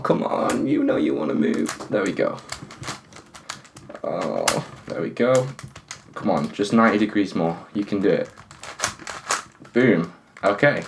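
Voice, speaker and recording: A man's voice: on the low side, gravelly, a little hiss or hum. A man hosting his own puzzle channel, thinking aloud and pleading with a stiff puzzle as he solves it. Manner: talks to the puzzle, pleading and exasperated; thinks aloud, counting pieces. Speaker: puzzle solving channel host. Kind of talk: casual talk while solving a puzzle.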